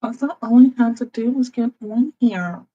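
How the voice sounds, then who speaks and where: A dark mid-range voice at a moderate pace, its highs cut off, belongs to a livestreamer talking casually and directly with viewers. He thinks aloud while tweaking audio settings, using a computer microphone with headphones at an indoor computer.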